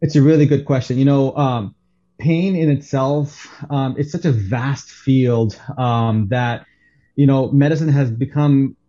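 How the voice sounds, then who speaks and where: A man who grew up in Saudi Arabia speaks as a doctor guest on a radio show, his voice mellow and warm. He explains at a measured pace, padding his answers with "you know" and "um". The sound is slightly dull. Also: medium pitch, steady tone. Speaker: pain management doctor, guest.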